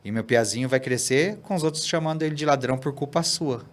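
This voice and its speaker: A man, a pastor guesting on a podcast, telling a story in an animated way and often tagging "né?" and "cara". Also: mid-range voice, quick pace. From Brazil. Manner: animated, tags sentences with "né?" and "cara". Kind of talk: casual storytelling in a podcast interview.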